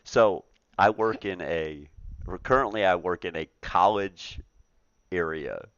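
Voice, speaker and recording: A man's voice: deep voice, takes it slowly, a bit bright, clear, resonant tone, dry recording, dull audio. A man in his forties hosting a trucking talk show in casual, profane chat, laughing often and repeating himself. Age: 40s.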